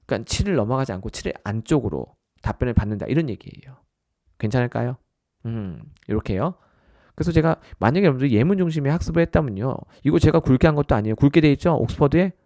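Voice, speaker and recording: A man delivers a recorded test-prep lecture in a mellow, darker voice at a mid pitch. He keeps checking in with his listeners through short tag questions and calls them his students. The sound is dry and close, with no room around it. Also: lively intonation, fast, no room sound. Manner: addresses listeners as "our students". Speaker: English test prep instructor.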